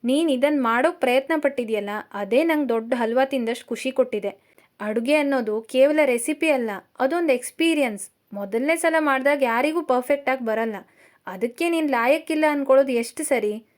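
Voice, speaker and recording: A woman narrator voicing a young male lecturer who teases and gently coaxes, in a storybook reading. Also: sits high, fairly quick, close to an everyday voice. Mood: playful. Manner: playful, gently coaxing.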